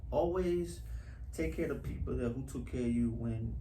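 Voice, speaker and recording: Speaking at normal speed, the man has a mellow, medium-pitched voice. He's an actor from Houston giving an interview, relaxed yet sincere, with repeated phrases for emphasis, recorded in an echoey space with slight background noise.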